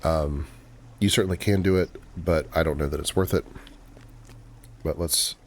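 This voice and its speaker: A man hosting a video game walkthrough, explaining casually as he plays, with relaxed pacing and frequent filler pauses. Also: rumbling low, a little hiss or hum. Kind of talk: casual gameplay commentary.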